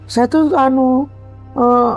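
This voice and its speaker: A woman's voice: sits high, fairly even intonation, a little mellow, soft background music, pitched above the performer's own voice. Brief: imperious old male spirit prince, Javanese accent, raised and drawn out, put on by a woman retelling a possession. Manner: commanding, possessive, slow and emphatic.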